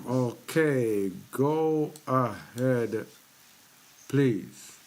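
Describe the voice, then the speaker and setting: A man's voice: mid-range voice, a little mellow, a little hiss or hum. A man hosting a religious teaching video, speaking casually and repeating points for emphasis. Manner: slow, conversational, repeats phrases for emphasis. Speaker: host of a faith teaching channel.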